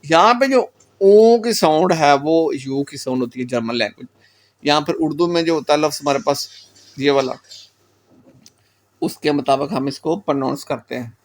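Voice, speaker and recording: A man's voice: fairly high pitch, normal speed. A man teaching German pronunciation in a recorded lecture, with a Pakistani Urdu accent. He explains patiently, repeats example words and mixes in English phrases.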